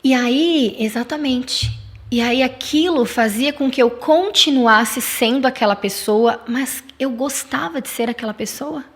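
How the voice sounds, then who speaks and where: A woman speaks as a guest in a casual podcast chat, with a voice pitched a little high. She tells a story with feeling and makes firm, faith-filled declarations. Her voice comes through a close studio mic. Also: a little slow.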